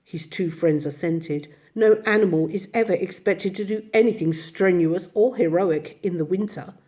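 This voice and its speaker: A woman reading a classic children's storybook aloud in a gentle, unhurried way. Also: fairly low pitch. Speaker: narrator.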